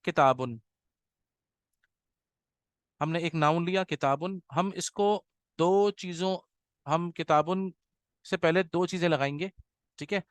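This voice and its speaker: A man teaches an Arabic grammar class in a clean voice on the high side, recorded dry. He explains patiently, checks in with his students often, and slows down to sound out words.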